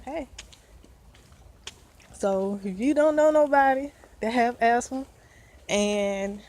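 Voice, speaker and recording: Slow-talking Southern-accented woman vlogger outdoors. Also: medium pitch, darkish tone. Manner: earnest, encouraging, rambling with fillers. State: out of breath. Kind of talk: casual vlog talk.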